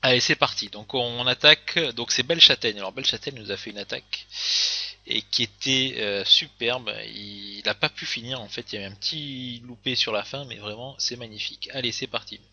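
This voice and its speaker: A man's voice: mid-range voice, brisk, bright, forceful tone, muffled recording. A man casually commenting on game replays, hesitant, with many fillers and restarts.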